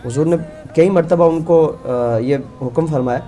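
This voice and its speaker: A man's voice: fairly high pitch, warm tone, soft background music. A man as a religious scholar on a call-in show, earnestly telling a story and quoting its figures in his own voice.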